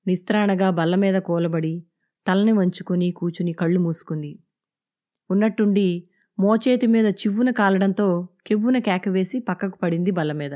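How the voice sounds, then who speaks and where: A woman narrates a serialized audio novel in a steady, measured read. Her voice sits a little low and stays subdued.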